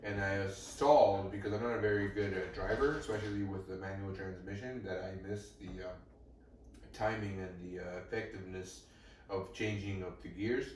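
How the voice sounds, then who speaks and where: A young man co-hosting a comedy podcast, rambling through deadpan, absurd improvised stories. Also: deep voice, normal speed, slight background noise. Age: young adult. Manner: deadpan rambling storyteller, escalating absurd bits. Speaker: podcast co-host. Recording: echoey room, distant mic.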